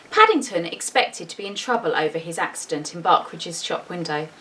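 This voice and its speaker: A female teacher reads a picture book aloud to children in a fairly low, fairly bright voice, animated and at a moderate pace. She reads with expression and adds casual, talkative comments while showing the pictures. A distant microphone picks up her voice along with faint background noise.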